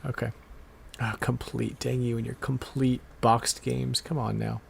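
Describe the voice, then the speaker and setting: On a laid-back retro games podcast, this male co-host speaks at a measured pace in a flat, creaky mid-range voice. He keeps things playful, occasionally grumbling under his breath in pretend frustration. There's slight background noise.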